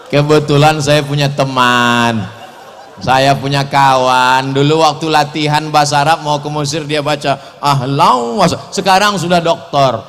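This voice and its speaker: A man with a high, lively voice delivers a humorous sermon, swinging from soft asides to sudden loud peaks. His words ring out with a long reverb, as if he were in a large hall. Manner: animated, joking, sharp swings in pitch and loudness. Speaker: preacher.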